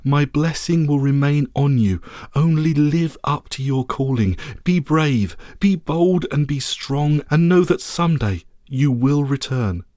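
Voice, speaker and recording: A man's voice: a little high, unhurried, warm tone, no room sound, studio quality, pitched above the performer's own voice, close to an everyday voice. A man reading a story aloud, voicing a regal woman who rules by light, speaking in a solemn, ceremonial way. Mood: commanding. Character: regal commanding woman, radiant ruler of light.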